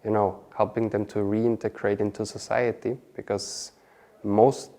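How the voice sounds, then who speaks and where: Man, low pitch, chatty interview guest, tag questions. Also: little pitch movement, unhurried, warm tone. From Austria. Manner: chatty, peppers speech with "okay?" and "you know". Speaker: interview guest, marketing specialist. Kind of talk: casual interview answers.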